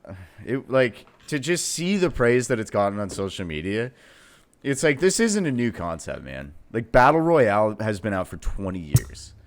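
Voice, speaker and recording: A man's voice: on the low side, big pitch swings, normal speed. A young man co-hosting a podcast, rambling in casual chat, full of fillers and swearing. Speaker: podcast co-host.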